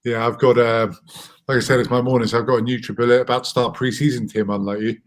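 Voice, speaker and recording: A man's voice: mid-range voice, little pitch movement, fast talker. A man in his thirties, a rugby player, talking casually and easygoing on a video call. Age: 30s. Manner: easygoing, hedging. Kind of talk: casual watchalong chat.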